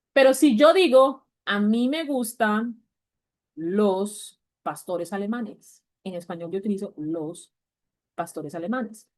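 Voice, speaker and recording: A woman's voice: mid-range voice, mellow. Patient woman teaching English grammar. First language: Spanish. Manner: patient, repeats points, checks in with "vale?". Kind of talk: explaining grammar in class.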